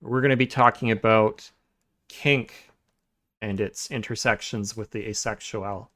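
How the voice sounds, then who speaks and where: A man hosting a podcast in a relaxed, casual chat, pausing often with filler sounds and restarting sentences. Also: on the low side. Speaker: podcast host.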